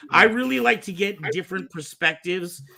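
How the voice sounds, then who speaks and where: A man's voice: high voice, normal speed, gravelly, a crowd in the background. A man hosting a casual podcast panel, talking hesitantly and often restarting his sentences. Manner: hesitant, many fillers and restarts. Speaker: podcast host.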